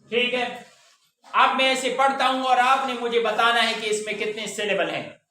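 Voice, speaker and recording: A man's voice: extremely high pitch, fairly even intonation, moderate pace, sharp tone. A man teaching a pronunciation lesson to a class, stretching words out syllable by syllable and quizzing the students. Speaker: English teacher. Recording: very echoey room, voice from far off.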